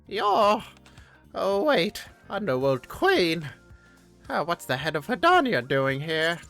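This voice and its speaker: A gruff old craftswoman, as a man puts her on while reading a game story aloud, pitched high with a lively, swinging delivery. She pries into her visitors' business and scolds them freely. The man's own voice sits under the put-on age. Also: slow, faint music behind, exaggerated voice. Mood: teasing. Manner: teasing, nosy, scolding. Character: gruff old female workshop master.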